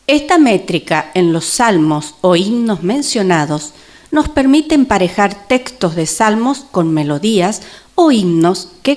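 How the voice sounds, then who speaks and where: A woman co-presenting a church music seminar, reading a clear explanation. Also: medium pitch, darkish tone. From Argentina. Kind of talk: scripted teaching on radio.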